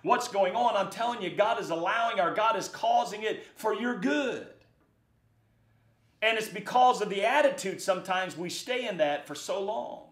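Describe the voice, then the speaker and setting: A man's voice: sits high, moderate pace, fairly bright tone, reverberant. A man preaching a sermon, reading scripture aloud and then exhorting his congregation with growing fervor. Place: church sanctuary.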